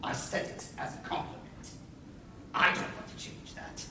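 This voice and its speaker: An actor on stage playing a scheming, smug pirate captain, grandiose and wry, with deliberate emphasis. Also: male voice, bright, forceful tone. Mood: persuasive. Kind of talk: projected stage-play acting. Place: indoor playhouse stage. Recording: echoey theatre, far mic, faint noise.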